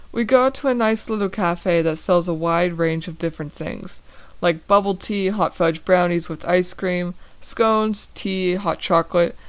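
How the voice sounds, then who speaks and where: A woman reads a first-person story aloud in a low, even voice. Her delivery is plain and slightly halting, with small stumbles and restarts along the way. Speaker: reader of a story.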